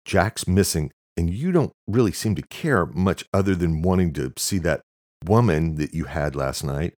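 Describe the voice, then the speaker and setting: A man with a very deep voice playing an anxious, defensive male scientist who blurts out his complaints. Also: big pitch swings, measured pace, darkish tone, no room sound, clean studio sound. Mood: reproachful. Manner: sputtering, blurting, reproachful.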